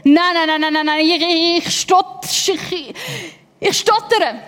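Woman playing a stuttering, unwilling man, high voice, long reverb. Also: slow, fairly bright tone, full character voice. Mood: refusing. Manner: stammering. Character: hesitant stuttering man who refuses a calling.

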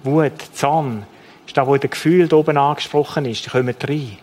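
Male preacher with a Swiss German accent, somewhat high-pitched, delivering an earnest sermon and repeating his key phrases. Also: normal speed, a little mellow, a little hiss or hum.

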